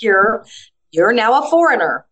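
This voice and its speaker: Woman, middle-aged, guest author, animated storyteller, slightly high voice. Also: a little slow, lo-fi sound. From United States. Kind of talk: casual conversational interview.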